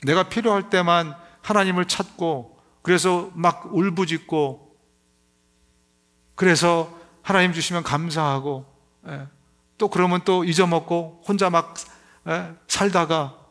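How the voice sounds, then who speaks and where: A middle-aged male pastor preaches in a notably high, somewhat bright voice, his force emphatic and rising. When he acts out crying babies, he pushes his voice even higher.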